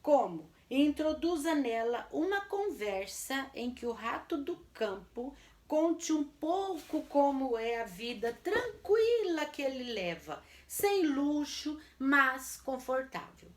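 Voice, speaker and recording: Brazilian female schoolteacher, slightly high voice, unhurried syllable drills, echoey room sound. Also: big pitch swings. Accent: Brazilian Portuguese. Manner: stretches words slowly syllable by syllable, asks and answers own questions. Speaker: primary school teacher. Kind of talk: recorded class lesson for children.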